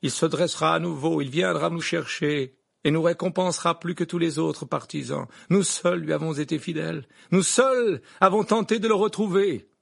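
A man doing a proud, fanatical woman proclaiming her loyalty, voice raised a little higher and loud. Gravelly and husky underneath, in the manner of a dramatic audiobook. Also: normal speed, heavily acted. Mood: defiant. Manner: defiant, proclaiming. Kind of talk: audiobook character voice.

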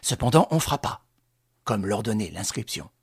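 A man reading a crime novel aloud in measured, dramatic scripted narration with a husky voice. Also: lowish voice, big pitch swings, no room sound, clean studio sound. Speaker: audiobook reader.

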